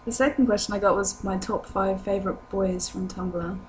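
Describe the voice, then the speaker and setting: Steady in tone and mid-range in pitch, a young British woman talks at normal speed while answering questions from her viewers. She's ill with a sore throat, her voice lower than usual, and her chat to camera is casual, hesitant and rambling. The home recording is noisy and hums.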